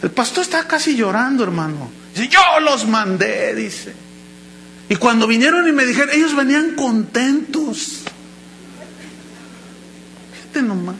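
A male pastor preaches in a high, bright voice. He tells his stories with lively animation and slips into the voices of the people he quotes. A faint electrical hum sits under the recording. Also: a little slow, pauses often, low-quality recording. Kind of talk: sermon.

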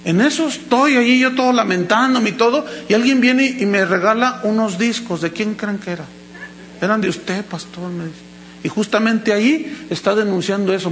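A male pastor preaches in a high, bright voice. He tells his stories with lively animation and slips into the voices of the people he quotes. A faint electrical hum sits under the recording. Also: poor audio. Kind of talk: sermon.

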